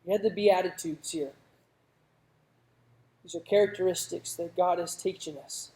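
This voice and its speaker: Mellow-voiced youth preacher. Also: mid-range voice, steady tone, moderate pace. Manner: conversational preaching, rising to emphatic. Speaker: youth pastor. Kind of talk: sermon. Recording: roomy echoing hall.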